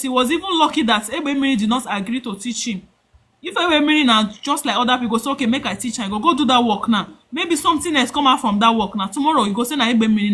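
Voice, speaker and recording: A woman's voice: high-pitched, fairly bright tone. A woman with a Nigerian accent hosting a live call-in, giving casual spiritual advice in Nigerian Pidgin mixed with English.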